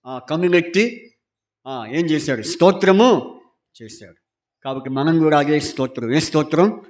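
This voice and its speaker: A male pastor delivers a Sunday sermon, his voice sitting a little higher than most men's. He reads scripture slowly and with weight, then turns to the congregation with question after question, insisting they answer aloud.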